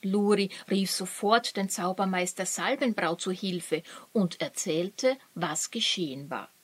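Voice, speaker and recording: Woman reading a kids' story aloud, slow and calm, dry close sound. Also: medium pitch, husky, dry recording. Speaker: narrator. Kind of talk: scripted children's story narration.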